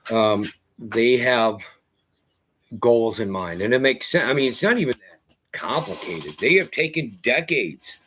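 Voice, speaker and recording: A man's voice: medium pitch, lively intonation, unhurried, a bit bright, slight background noise. A middle-aged man hosting a casual commentary vlog, talking to his audience in a rambling, conversational way. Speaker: host.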